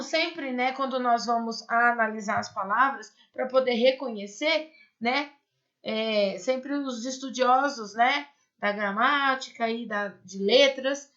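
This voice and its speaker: A woman's voice: sits high, a bit bright, highs cut off. A woman teaching a Spanish class, explaining step by step and checking in with her students. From Brazil. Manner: explains patiently, asks rhetorical questions and checks in with "certo?" and "né?". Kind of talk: recorded online class.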